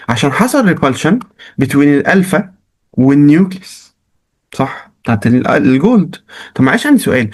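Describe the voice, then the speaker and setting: A male chemistry teacher with an Egyptian Arabic accent, reviewing exam questions in a lively, joking way and coaxing students with questions. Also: on the high side. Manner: mixes English science terms into Arabic. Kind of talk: recorded exam-review lesson.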